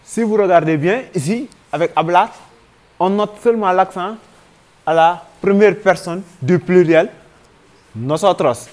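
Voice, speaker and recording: A man's voice: high-pitched, a little slow, darkish tone. A man with a Senegalese French accent teaching a grammar lesson, patiently spelling out verb forms one by one.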